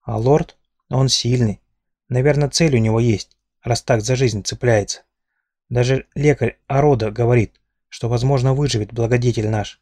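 Man doing old servant woman, kindly, slow, soothing, mellow voice, storybook reading. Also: mid-range voice, steady tone, no room sound, lightly acted.

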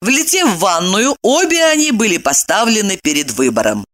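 An audiobook reader narrating a comic story with lively, playful irony. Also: mid-range voice, normal speed.

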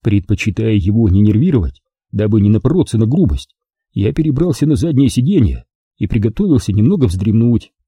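A man's voice: big pitch swings, fairly quick, mellow, breathy edge, no echo. A man reading a detective novel aloud as narrator, voicing every character himself. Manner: reads all characters in one voice, raising pitch for some. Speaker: audiobook narrator.

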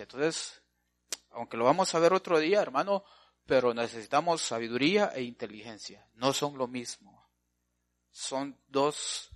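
A pastor preaching a sermon, asking his congregation questions and swinging between loud and soft. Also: mid-range voice.

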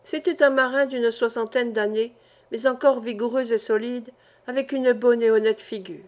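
A woman's voice: on the high side, fairly even intonation, moderate pace. Woman reading a classic novel aloud. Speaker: audiobook narrator. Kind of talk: scripted audiobook narration.

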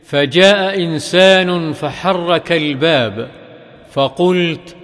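A man reads hadith aloud at a slow, deliberate pace, his voice sitting a little higher than most men's. Some phrases rise into a melodic chant, and a long hall reverb trails after each line. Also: a bit bright. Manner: measured, careful reading. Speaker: hadith reader.

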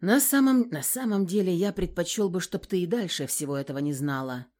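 A woman's voice: lowish voice, fairly quick. A woman reading a first-person novel aloud, telling it in a coarse, sardonic way. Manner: lively, coarse, sardonic storytelling. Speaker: audiobook reader.

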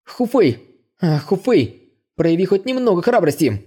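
A man's voice: high-pitched, lively intonation, fast, dark tone, voice pushed up. A man voicing a sneaky, greedy young male thief in an audiobook, snickering and scheming under his breath. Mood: self-urging. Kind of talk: audiobook character voice.

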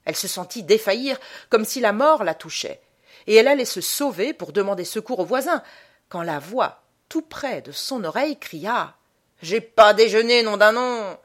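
A woman reading a short story aloud in a measured, dramatic manner. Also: mid-range voice, very animated. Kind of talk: scripted narration of a short story.

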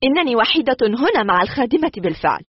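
A man's voice: extremely high pitch, animated, fast talker, slightly rough, no room sound, dull audio, voice pushed up, heavily acted. A man reading a story aloud, voicing a wary and indignant young woman who stammers and fires off suspicious questions.

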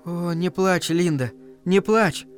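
A man voicing a small boy who pleads in high, crying tones. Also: slow pace, faint music behind. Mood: pleading.

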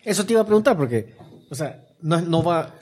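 A man, co-hosting a casual chat, throwing in quick jokes and interjections. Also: on the high side, lively intonation, a little mellow, a little hiss or hum. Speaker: podcast co-host. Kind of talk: casual chat about comics news.

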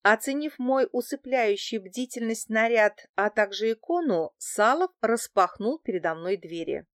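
A woman narrating a first-person audiobook in an even, measured way. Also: fairly high pitch, no room sound, clean studio sound.

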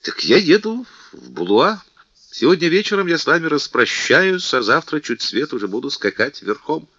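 A man reading the part of a noble, dignified count and old soldier who speaks in a calm, measured way. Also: a little high, no echo, lo-fi sound, pitched above the performer's own voice, full character voice.

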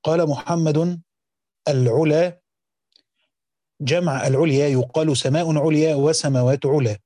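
A man with an Egyptian accent and a slightly high voice reads an old commentary on the scripture and pauses to explain it. He moves from measured formal recitation into relaxed colloquial remarks. The sound is dry and close, with no room behind him. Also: dry recording. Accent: Egyptian Arabic. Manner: switches between careful classical reading and casual colloquial asides. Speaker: teacher reading and explaining a Quran commentary. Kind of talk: reading a classical text aloud with spoken commentary.

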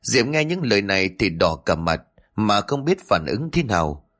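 Expressive male storyteller. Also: fairly low pitch, normal speed, faint music behind. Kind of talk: dramatic story narration.

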